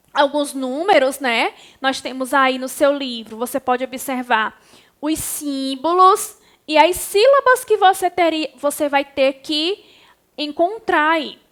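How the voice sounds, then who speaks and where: A woman's voice: high voice, fairly bright tone. A Brazilian woman teaching a class to young children, speaking patiently and affectionately and guiding them step by step. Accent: Brazilian Portuguese. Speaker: primary school teacher.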